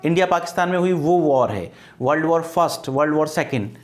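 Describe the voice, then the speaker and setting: A man's voice: fairly high pitch, expressive, brisk, faint music behind. Man teaching English exam vocabulary. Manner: repeats key words as questions to students, explains patiently. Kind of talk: exam-prep grammar lesson.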